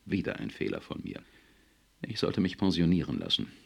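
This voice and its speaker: A man's voice: deep voice, big pitch swings, normal speed, vocal fry, breathy edge, full character voice. A man reading an audiobook, voicing a cold, stern male official who questions and lectures in a cool, probing manner. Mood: lecturing.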